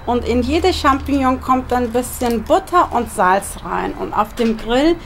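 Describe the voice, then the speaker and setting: A woman's voice: fairly high pitch, lively intonation, unhurried, gravelly, a bit bright, a little hiss or hum. A woman in her thirties with a Turkish accent, chatting through a home cooking vlog and explaining each step as she goes. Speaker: cooking channel host. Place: home kitchen and garden barbecue.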